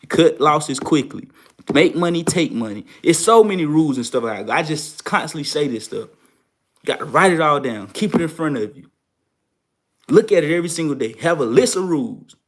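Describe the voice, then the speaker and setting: A man's voice: on the high side, lively intonation, a little fast. A young man hosting a trading show, talking casually and repeating phrases for emphasis. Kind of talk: casual advice talk to viewers.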